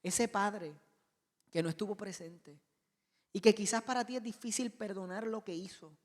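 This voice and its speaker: A male pastor preaching a sermon with passion, swinging between loud emphasis and soft asides. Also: high voice, moderate pace, in a large hall. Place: church auditorium.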